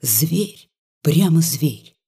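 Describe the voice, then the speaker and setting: A reader voicing a frightened young village woman who speaks in a hushed, worried way. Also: sits low, expressive, extremely slow, creaky, breathy edge, exaggerated voice. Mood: fearful. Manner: hushed, fearful.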